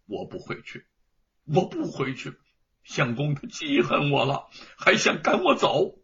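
A man's voice: a little high, huge pitch swings, unhurried, gravelly, fairly bright tone, heavily acted. A man storyteller voicing a hurt, indignant wife who scolds sharply in a raised voice, on a dull lo-fi recording. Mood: sulky. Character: wounded indignant older wife, sharp reproach.

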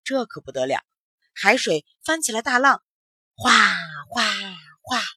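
A woman's voice: a little high, big pitch swings, normal speed, bright, forceful tone. A woman narrating a children's story expressively, acting out sounds as she goes.

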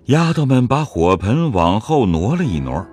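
A man narrating an audio drama in a measured storytelling manner. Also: mid-range voice, sing-song, darkish tone, soft background music.

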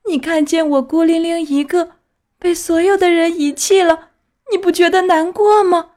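A woman voicing a young wooden puppet boy in an audiobook, pleading in a high wailing voice. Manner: high wailing, sobbing pleas. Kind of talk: audiobook character voice.

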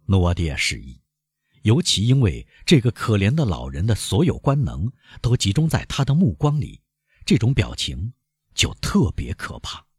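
A man narrates a classic novel in a deep, husky voice. He reads slowly and lets the pitch swing widely for drama. The sound is dry and close. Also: dry recording. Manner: measured, expressive storytelling. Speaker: audiobook narrator. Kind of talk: slow scripted narration.

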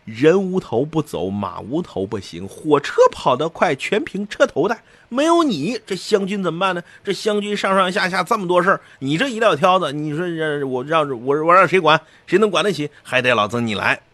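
A man's voice: a little high, animated, moderate pace, hardly any pauses, bright, forceful tone, dry recording, exaggerated voice. A man playing an anxious, suspicious emperor who frets and coaxes. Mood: coaxing. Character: anxious suspicious male emperor, middle-aged.

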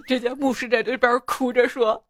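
A woman's voice: on the high side, fairly even intonation, normal speed, slight background noise. A woman radio host reading funny listener stories in a playful, laughing manner. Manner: playful, laughing often, doing small voices.

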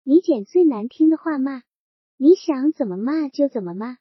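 A woman voicing a drunken, domineering middle-aged male landlord who talks in a gruff, mocking, bossy way, in a storybook reading. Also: high-pitched, animated, normal speed, no room sound, lo-fi sound.

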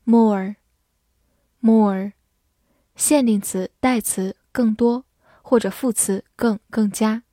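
A woman teaching English vocabulary in a lesson, spelling words out letter by letter and speaking slowly and deliberately. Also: on the high side, fairly even intonation, warm tone, no echo, clean studio sound.

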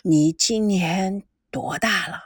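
A woman voicing a reserved elderly grandfather who talks slowly and quietly. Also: slightly rough, no echo, clean studio sound. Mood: gruff restrained. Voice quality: slow, low, measured.

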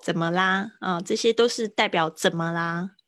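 A woman from Taiwan, teaching English pronunciation in a livestream lesson and repeating phrases slowly. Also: lowish voice, a bit bright, no room sound.

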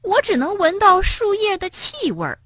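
Small blind mole boy, storybook, high squeaky voice, quick and chirpy, lively swoops, put on by a woman. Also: dry recording, clean studio sound, exaggerated voice. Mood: curious. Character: grumpy then gentle little blind male mole.

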